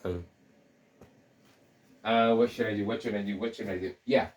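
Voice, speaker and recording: A young man with a sore throat and a lowish, steady voice talks at a moderate pace in his video essay. He jokes, wanders, and stops himself mid-thought in casual commentary recorded roomy and distant from the mic.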